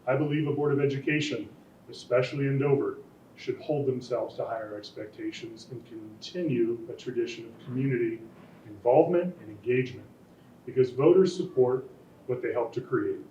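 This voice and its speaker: A man's voice: mid-range voice, brisk, mellow, slight background noise. A middle-aged man, a school board candidate, answering forum questions in an earnest, folksy way. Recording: echoey room from far off, dull sound.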